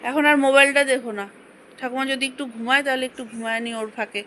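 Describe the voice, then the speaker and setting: A woman in her thirties talks through her day in a loose, rambling vlog. Her voice sits high, and she drops to a soft tone at times. A noisy phone recording at home, with plenty of hiss underneath. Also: steady tone, fast. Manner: chatty, rambling, switches to soft talk. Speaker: vlogger and mother. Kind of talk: casual daily vlog narration.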